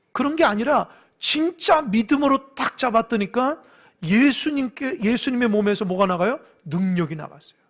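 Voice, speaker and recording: A male pastor preaching in a church with a high-pitched voice. He tells the story animatedly, acts out the characters' voices, and urges the congregation on. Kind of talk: sermon. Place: church sanctuary.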